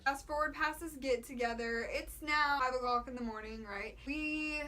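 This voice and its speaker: A young American woman chatting casually as a vlogger, telling a story in an animated, slangy way and quoting the dialogue. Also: sits high, normal speed. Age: young adult. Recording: clear background noise.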